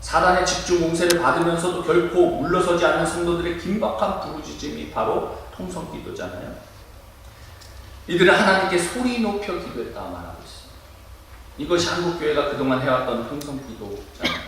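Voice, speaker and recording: A male pastor preaching a sermon in a church, lively and demonstrative, acting out loud cries to make his point. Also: on the high side, a little fast, slight background noise. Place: church sanctuary. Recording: echoey room, mic at a distance.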